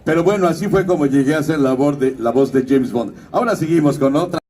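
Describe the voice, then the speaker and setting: A voice actor talks to an expo crowd and tells stories, slipping into character voices as he goes. His tone is mellow and a little dark, and he sounds somewhat distant from the microphone. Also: on the high side, fast talker. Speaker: voice actor and announcer. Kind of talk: stage talk at a fan expo.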